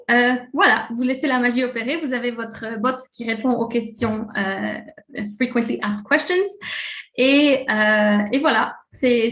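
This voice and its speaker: A woman's voice: a little high, a bit bright, echoey room. A Swiss-French woman gives a casual live webinar presentation, chatty and full of fillers. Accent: French-speaking Swiss, speaking in a French way. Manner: casual and chatty, many fillers, laughs at slips.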